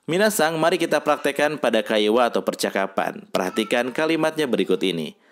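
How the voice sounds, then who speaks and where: A man narrating a scripted language lesson, reading sample sentences slowly and deliberately. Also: medium pitch, animated, a little hiss or hum. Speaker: language teacher.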